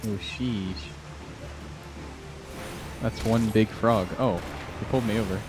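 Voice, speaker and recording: A male game streamer with a low voice talks to viewers in a playful, chatty way. His delivery is casual and informal, and music plays behind him. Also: fairly even intonation, slow pace. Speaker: livestreamer. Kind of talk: casual gaming livestream chat.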